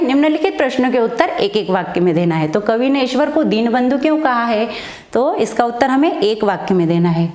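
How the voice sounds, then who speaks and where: Female schoolteacher, bright higher voice, asks and answers her own questions, echoey room. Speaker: Hindi teacher. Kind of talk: online classroom lesson.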